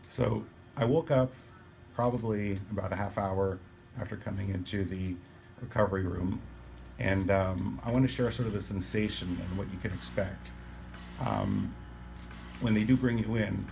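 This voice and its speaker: Man, casual vlog, weak post-surgery delivery, dry mouth, halting, fairly low pitch, vocal fry. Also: a little mellow. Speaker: patient recording a personal video diary. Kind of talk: casual spoken vlog, explanatory. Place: hospital room. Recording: noticeable background room noise.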